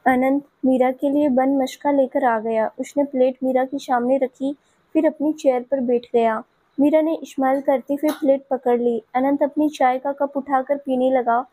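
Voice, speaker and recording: A woman storyteller giving scripted audio-story narration in a steady, even manner. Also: high voice, normal speed.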